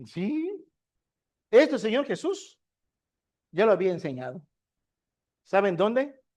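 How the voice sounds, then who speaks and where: A male preacher with a fairly high voice, speaking. He teaches a discipleship class in sermon style and keeps asking the congregation rhetorical questions, then answers them himself. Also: very animated, slow pace, a little mellow.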